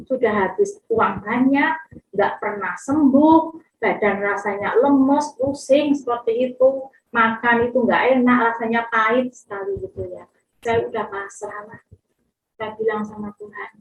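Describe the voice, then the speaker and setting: A woman's voice: on the high side, unhurried, roomy sound, dull audio, slight background noise. A middle-aged woman telling a personal testimony with emotion, often addressing listeners directly. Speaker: testimony speaker.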